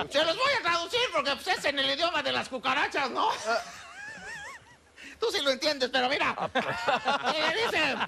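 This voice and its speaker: An actor playing a corny male stand-up comic with a Mexican accent, using a high put-on voice and giggling at his own bad jokes in a TV comedy sketch. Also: animated, normal speed, gravelly, pauses often, background noise, exaggerated voice. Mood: giggly.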